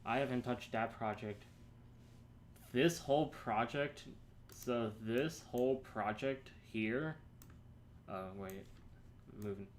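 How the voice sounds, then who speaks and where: A young man casually thinking aloud and answering chat on a live coding stream, halting and rambling as he works. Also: mid-range voice, slight background noise. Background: keyboard typing.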